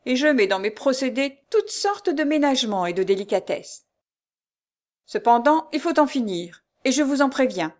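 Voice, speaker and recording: A cruel, arrogant nobleman who mocks his captive and threatens anyone in his way, as a woman reading the story puts him on. His lines come higher and louder than the reader's own voice. The delivery stays scornful and forceful throughout. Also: lightly acted. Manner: mocking, threatening. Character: brutal arrogant nobleman abducting a young wife.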